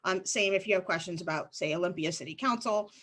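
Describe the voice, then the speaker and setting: Her voice lowish and a little bright, a woman lobbyist leads a casual online training session. She explains quickly, with frequent ums and false starts, sounding tired-voiced while sucking on a cough drop.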